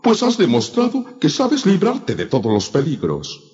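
A man voicing a wise, careful female panther who speaks in an earnest, measured way. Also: on the high side, wildly swooping pitch, a little mellow, pitched above the performer's own voice. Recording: echoey, dull, music behind.

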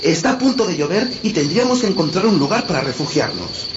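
A man's voice: fairly high pitch, sing-song, fast talker, voice pushed up. Young boy played by a man, brave and earnest, raised boyish voice, storybook, dull lo-fi audio. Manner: earnest and reassuring. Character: brave young boy Hansel, protective brother. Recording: dull lo-fi, loud background noise.

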